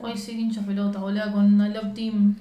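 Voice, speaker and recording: Una mujer joven con acento argentino que comenta una película en una charla informal, asintiendo y sumando comentarios. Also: female voice, medium pitch, completely flat delivery, fairly quick, mellow, slight background noise. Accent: Argentine Spanish. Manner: chatty, agreeing, adds comments. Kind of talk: casual chat recapping a film. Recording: echoey room.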